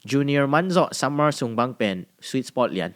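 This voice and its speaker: A man's voice: mid-range voice, animated, a little slow, fairly bright tone, smooth. A man hosting a podcast interview in casual chat, mixing English phrases in as he gives advice. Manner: mixes English into talk, gives advice eagerly. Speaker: podcast host.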